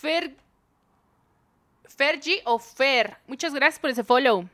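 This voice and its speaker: A woman's voice: high-pitched, animated, slow pace, fairly bright tone, no echo. A young woman, streaming a dating game, reading its dialogue aloud and joking with her chat. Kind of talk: live game commentary.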